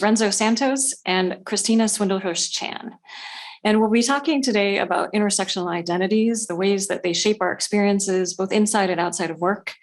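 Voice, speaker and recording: Upbeat woman hosting a podcast. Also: medium pitch. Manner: bright, upbeat scripted intro, then relaxed chat. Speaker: podcast host.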